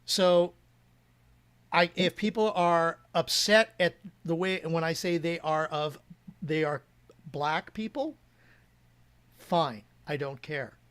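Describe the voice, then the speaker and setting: A man with a slightly raised pitch speaking as a podcast guest. He talks earnestly and at length, often restarting his sentences as he works through a thought. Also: slow, pauses often, fairly bright tone, smooth. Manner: earnest and rambling, many restarts. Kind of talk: casual interview chat.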